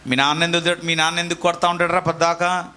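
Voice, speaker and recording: A male pastor delivering a sermon with a bright, forceful voice pitched a little high. He leads call-and-response with the congregation and breaks off to scold listeners. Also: flat delivery, quick pace, clean tone.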